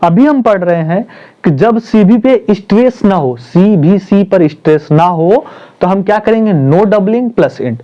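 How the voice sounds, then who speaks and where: High-voiced man teaching grammar. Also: lively intonation. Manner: repeats points, asks and answers his own questions; spells out terms slowly, stresses syllables. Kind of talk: Hindi classroom-style grammar lesson. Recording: dull lo-fi recording.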